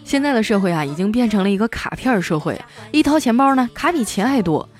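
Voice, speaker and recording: A woman hosting a comedy show, telling scripted joke stories in a lively way and putting on voices for the characters. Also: fairly high pitch, fast talker, a faint crowd. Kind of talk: scripted comic storytelling.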